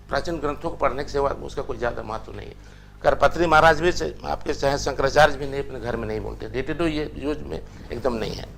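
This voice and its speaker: A man's voice: a little high, a bit bright, slight background noise. An older man teaching a language class, lecturing in a chatty way and telling anecdotes. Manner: chatty, anecdotal, tells stories with acted quotes.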